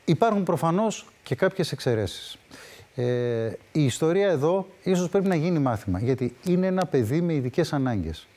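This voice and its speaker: A man hosting an interview, wrapping up with measured, reflective comments. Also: a little high, warm tone. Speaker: host. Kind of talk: radio or TV interview host.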